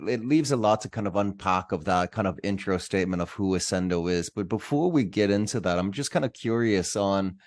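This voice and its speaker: A man hosting a podcast, introducing his guest brightly and asking loose conversational questions. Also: lowish voice. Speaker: podcast host. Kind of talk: casual podcast interview.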